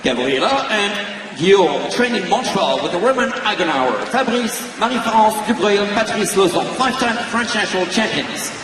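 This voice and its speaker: A man making formal announcements over a public-address loudspeaker at an ice rink, with a steady, formal delivery. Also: a little slow, recorded from a distance, noisy background. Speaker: arena announcer. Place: large ice arena. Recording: booming loudspeaker in a vast echoing arena, heard from afar.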